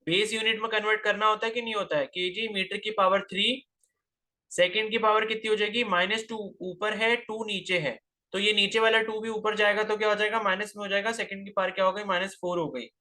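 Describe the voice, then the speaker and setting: Man, physics teacher, high voice, bright tone, rhetorical questions, classroom lecture. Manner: scolding students with rhetorical questions.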